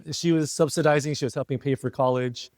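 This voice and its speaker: With a crowd audible behind him, a middle-aged American entrepreneur and ex-CEO talks fast as a guest in a casual interview. His mid-range voice stays fairly even as he reflects, chatters on, and often checks for agreement.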